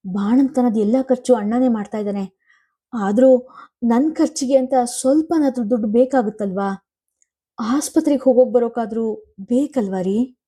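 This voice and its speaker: A young new mother, tearful and pleading, speaking softly and quickly as she begs her husband for help, voiced by a woman reading the story. Her voice sits a little high. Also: slightly rough. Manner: soft, pleading voice.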